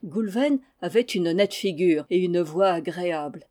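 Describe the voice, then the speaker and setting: Woman reading an old folk tale, soft warm tone, calm and measured. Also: fairly low pitch. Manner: measured, expressive storytelling. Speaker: storyteller.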